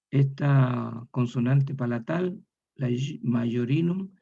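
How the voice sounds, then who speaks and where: In this recorded lecture, a man with a warm, gravelly, medium-pitched voice works through the material methodically, saying every example word aloud again. He is a university lecturer, and the recording is dull and lo-fi.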